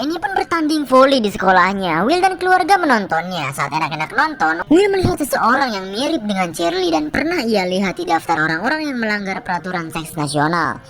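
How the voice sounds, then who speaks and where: A woman's voice: on the high side, a bit bright. A woman narrating a film recap in a casual, chatty style with slang asides.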